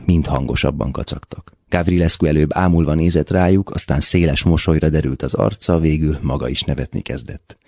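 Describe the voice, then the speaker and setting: A man reading a literary short story aloud for radio in a measured, steady way. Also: extremely low pitch, vocal fry, breathy edge, dry recording, clean studio sound. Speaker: reader.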